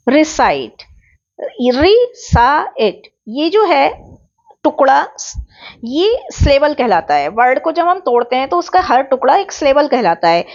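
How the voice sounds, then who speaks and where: A woman teacher giving a recorded exam-prep lecture, explaining step by step and stretching example words slowly to show stress. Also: high voice, creaky, darkish tone, muffled recording. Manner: explains step by step, mixing in English terms.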